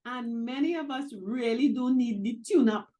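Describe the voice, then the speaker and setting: A middle-aged woman co-hosting a talk show, emphatic and quick to laugh. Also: fairly high pitch, dark tone. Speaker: co-host. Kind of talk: casual talk-show chat.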